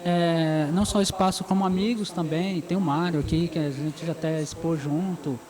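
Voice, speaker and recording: A fairly high-pitched man in his forties, from São Paulo, speaking in a relaxed, chatty way as an interview guest. He laughs often while telling his stories. A busy crowd murmurs around him in the open air. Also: normal speed, rough recording. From São Paulo, Brazil. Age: 40s. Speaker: guest caricaturist. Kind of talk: casual interview. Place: outdoor square with a street fair. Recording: busy outdoor crowd noise.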